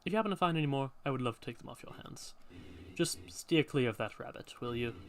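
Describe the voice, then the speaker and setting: A man voicing a stern company veteran in a video game, speaking formally and with measured, ominous caution. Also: mid-range voice, animated, a little hiss or hum, close to an everyday voice. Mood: guarded, polite. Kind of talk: video game cutscene acting.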